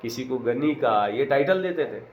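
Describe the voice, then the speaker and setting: A man's voice: mid-range voice, expressive, lo-fi sound, slight background noise. A man teaching a Quran lesson, reciting short phrases in Arabic and then explaining each one in plain, conversational words with earnest, repetitive emphasis.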